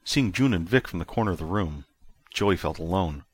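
A man narrating a science fiction story that he wrote, in steady, plain storytelling. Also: deep voice, moderate pace, husky, no echo. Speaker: author and narrator.

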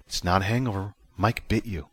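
A man's voice: fairly low pitch, sing-song, a little fast, husky, no echo, pitched above the performer's own voice. A man voicing a blunt, matter-of-fact woman who leads a spaceship crew. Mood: blunt, stern. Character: blunt, stern female spaceship crew leader.

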